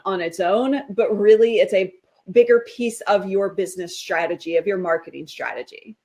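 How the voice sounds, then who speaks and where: A woman's voice: a little high, darkish tone. A woman guest on a talk show, explaining her work in an upbeat, explanatory way. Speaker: guest, live video strategist. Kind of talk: interview answers.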